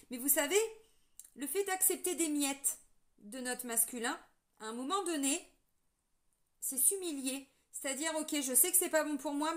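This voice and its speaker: A French woman doing a casual spiritual reading, talking straight to her viewers with lots of fillers and restarts. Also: high-pitched. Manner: chatty, addresses viewers directly, many fillers and restarts. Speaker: tarot reader giving a spiritual guidance. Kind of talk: casual spoken guidance to viewers.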